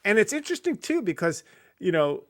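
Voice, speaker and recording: Excitable guy on a movie podcast, voice jumps all over, kinda high. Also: brisk. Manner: animated and expressive. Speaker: podcast co-host. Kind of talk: casual film discussion.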